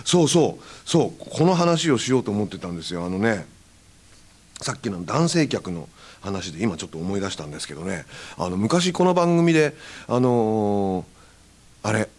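A man hosting a radio show in a casual chat, reading listener letters with frequent chuckles and fillers. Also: lowish voice. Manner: chuckling, filler-heavy, trailing off softly. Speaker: radio host.

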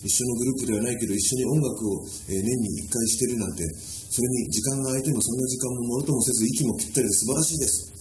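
A man's voice: mid-range voice, rapid-fire, warm tone, echoey room, slight background noise, poor audio. A male radio host reading listener mail on air and adding playful asides between the lines. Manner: reads letters aloud with playful asides.

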